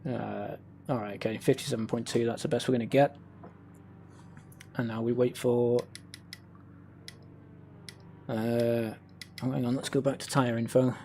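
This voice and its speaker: A man's voice: medium pitch, level tone, unhurried, creaky, long pauses, mellow, a little hiss or hum. A man doing casual live commentary while playing a racing game, with understated, self-deprecating asides. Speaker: sim racing streamer. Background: racing car engines from the game.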